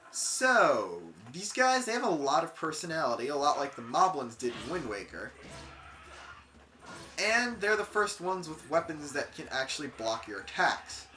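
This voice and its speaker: Casual game commentator: bright, animated, jokey; echoey room. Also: mid-range voice. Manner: chatty, jokey asides with quick self-corrections. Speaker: let's play commentator. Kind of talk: gameplay commentary.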